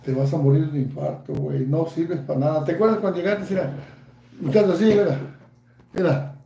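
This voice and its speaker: A Mexican man in his fifties rants and taunts, swearing at every turn. His voice runs high yet mellow. The room around him rings with echo. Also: fairly even intonation, fairly quick, gravelly, slight background noise. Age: 50s. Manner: angry, profane, taunting. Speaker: YouTuber. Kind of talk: ranting vlog.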